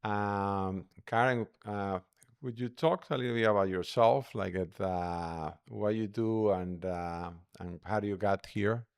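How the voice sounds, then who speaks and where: A man's voice: lowish voice, a little slow, gravelly, clean tone, dry recording, studio quality. A man hosting a medical podcast as a doctor, speaking hesitantly with many uh fillers. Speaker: podcast host, physician. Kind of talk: podcast interview.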